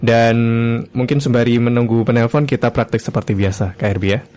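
A man's voice: mid-range voice, steady tone, darkish tone. Polite male radio host. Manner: polite, measured, addresses listeners directly. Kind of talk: live radio hosting of a religious lesson.

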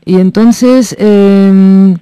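A man's voice: high-pitched, steady tone, very slow, mellow, clean tone, no room sound. A man working as a radio interviewer, who prompts his guest with hesitant questions. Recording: radio broadcast.

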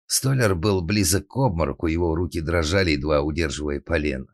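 A man narrating an audiobook in an ironic, even storytelling manner. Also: a bass voice, a little fast, no echo, clean studio sound.

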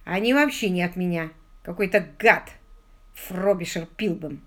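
A woman voicing a jealous, hot-tempered young gentleman who sulks and blusters. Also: lowish voice, a little slow. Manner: sulky, blustering.

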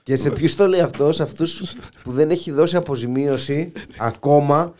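A man's voice: fairly high pitch, darkish tone. A man co-hosting a casual satirical chat, making dry, matter-of-fact remarks. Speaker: co-host.

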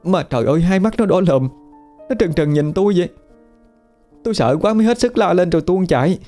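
A man voicing a panicked middle-aged woman who stammers and rushes her words in a ghost story. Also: high-pitched, lively intonation, mellow, soft background music, voice pushed up. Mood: frightened stammering. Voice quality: stammering, breathless rushing speech.

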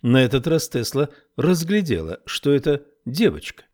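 This is scripted narration from a male audiobook reader. He has a medium-pitched voice and keeps his reading measured and even.

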